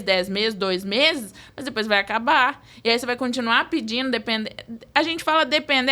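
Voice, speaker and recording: A woman's voice: a little high, bright, forceful tone. A Brazilian woman, a social services guest on a podcast, explaining earnestly at length with many fillers. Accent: Brazilian Portuguese.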